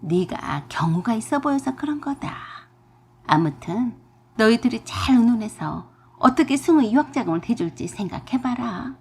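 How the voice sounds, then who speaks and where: A woman's voice: on the high side, expressive, moderate pace, a little mellow, slight background noise. A woman voicing a pushy, scheming older mother-in-law who scolds and demands, in a storybook radio drama. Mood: scolding.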